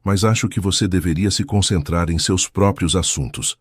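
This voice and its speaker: Guy doing a calm proud young woman, firm, deep dry voice. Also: moderate pace, slightly rough, dry recording.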